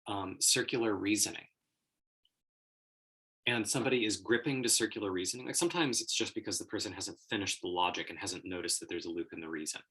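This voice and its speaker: A man's voice: fairly low pitch, a bit bright, breathy edge, poor audio. A man talking casually as host, explaining an idea at length, laughing often and acting out quoted voices. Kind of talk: casual explanatory livestream talk.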